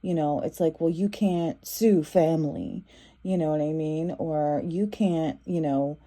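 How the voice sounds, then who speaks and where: A woman's voice: deep voice, fairly even intonation, a little slow, mellow. A woman giving a casual tarot reading, talking in a loose, repetitive way with many fillers and restarts. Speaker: tarot reader.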